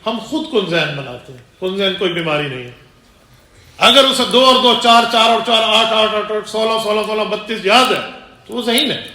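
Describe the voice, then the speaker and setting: High bright-voiced male preacher, echoey room. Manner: rhetorical questions, repeats phrases for emphasis; acts out dialogue while telling stories. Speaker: religious teacher. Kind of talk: sermon-style lecture.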